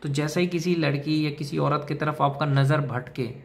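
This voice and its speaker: Man, slightly raised pitch, lecturing straight to camera, repeats his rules, calls the viewer brother. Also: steady tone, moderate pace, vocal fry. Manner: lecturing, repetitive, addresses listener as brother. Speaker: self-help video host. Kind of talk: direct-to-camera advice monologue.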